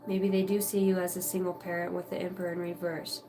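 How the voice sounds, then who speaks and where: A woman's voice: on the low side, little pitch movement, quick pace, warm tone, slight background noise. Casual woman giving a rambling tarot reading. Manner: casual, rambling, many fillers and mild swearing. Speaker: tarot reader. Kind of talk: live tarot reading for viewers.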